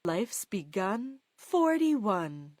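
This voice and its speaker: A woman's voice: medium pitch, sing-song, a little mellow, dry recording, studio quality. A woman calling bingo numbers, giving each rhyme before the number. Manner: calls each number with its rhyme, slowly and clearly. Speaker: bingo caller.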